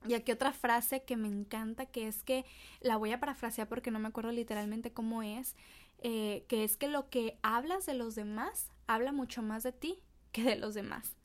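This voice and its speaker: Woman doing a faith podcast, kinda high voice, earnest and encouraging. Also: moderate pace. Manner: earnest and encouraging, addressing listeners directly. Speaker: podcast host. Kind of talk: devotional podcast talk.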